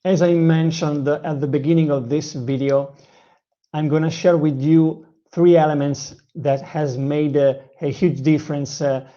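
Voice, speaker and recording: In a lo-fi personal video, a non-native English speaker tells the story of learning the language in a slightly high, dark-toned voice with fairly even intonation. He comes across as earnest, stumbling through frequent fillers and restarts.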